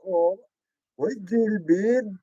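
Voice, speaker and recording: A man's voice: high-pitched, very slow, dark tone, no room sound. A man hosting a teasing live gossip chat, reading viewer comments with frequent tag questions and playful sing-song remarks. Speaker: showbiz gossip vlogger. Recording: dull, muffled lo-fi sound.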